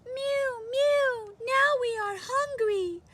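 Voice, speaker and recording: A woman voicing a chorus of hungry, thirsty cats in a high mewing voice for a storybook. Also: extremely slow, a bit bright, heavily acted. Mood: pleading.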